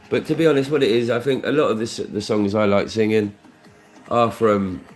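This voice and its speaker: Casual and rambling, a deep-voiced Brit runs his scratch card live stream, name-checking viewers with thanks and detouring into asides.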